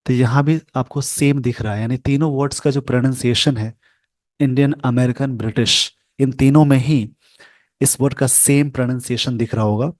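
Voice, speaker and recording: Man teaching slowly in a dry room. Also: mid-range voice, a little mellow, no room sound. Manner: slow, careful, repeats sounds for learners. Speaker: English pronunciation teacher. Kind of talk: screen-share lesson.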